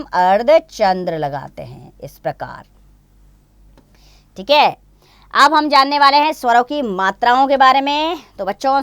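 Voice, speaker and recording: A woman's voice: mid-range voice, clean tone, no room sound. Patient woman teaching young children. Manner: slow, patient explaining with examples. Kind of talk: grammar lesson for children.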